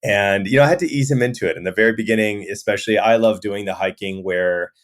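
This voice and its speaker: A man in his thirties from Miami, a guest in an interview, talking in a relaxed way full of "you know" fillers. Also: fairly low pitch, quick pace. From Miami, USA. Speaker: guest, resort owner. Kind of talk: conversational interview.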